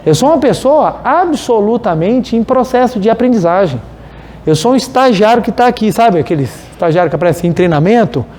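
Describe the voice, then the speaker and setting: A man with a Brazilian Portuguese accent giving a religious study talk, animated and telling stories while speaking straight to his audience. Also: sits high, fairly quick. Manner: animated, storytelling, addresses the audience directly. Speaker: spiritual lecturer.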